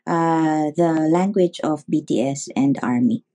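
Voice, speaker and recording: Interviewed as a guest, a female neurologist offers advice at a measured pace, full of pauses and filler words. She has a low-pitched voice with a dark tone.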